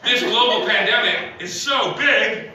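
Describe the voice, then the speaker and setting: A man's voice: high-pitched, measured pace. A man doing a stand-up comedy set in a small club with no audience, rambling, filling gaps with uh and chuckling at his own jokes. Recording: echoey room, mic at a distance, faint noise.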